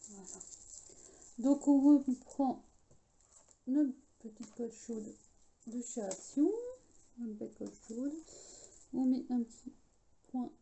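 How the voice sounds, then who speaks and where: A woman's voice: a little high, takes it slowly, long pauses, warm tone, poor audio. A woman hosting a casual craft tutorial in French with a slight English accent, talking chattily with many hesitations. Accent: English-tinged French.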